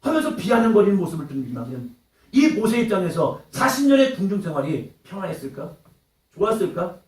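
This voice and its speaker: A man preaching a sermon in a church, dramatic, swinging between loud outbursts and hushed lines and acting out quoted voices. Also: high voice, very animated, a little fast. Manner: acts out taunting quotes in character. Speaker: pastor. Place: church hall. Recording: echoey hall, mic at a distance.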